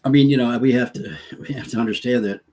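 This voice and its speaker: A man on a discussion panel who asks questions in an animated way. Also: mid-range voice, fast.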